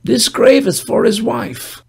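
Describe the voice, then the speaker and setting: A man's voice: very high voice, steady tone, vocal fry, a little mellow, breathy edge, pitched above the performer's own voice, full character voice. A man doing a stern, dry-witted old gravedigger. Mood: dry, grim. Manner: grave, solemn, measured. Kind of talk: audiobook character voice.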